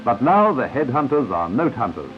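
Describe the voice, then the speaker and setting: A man's voice: mid-range voice, big pitch swings, normal speed. A man narrating an old 1950s newsreel in a confident announcer style, with asides to the viewer. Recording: dull lo-fi 1950s newsreel soundtrack. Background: newsreel music.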